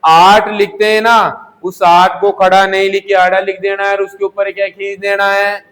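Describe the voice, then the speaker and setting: A man's voice: high-pitched, level tone, normal speed, fairly bright tone. A male Hindi teacher in a classroom lesson, asking questions and answering them himself, repeating key words. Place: coaching classroom.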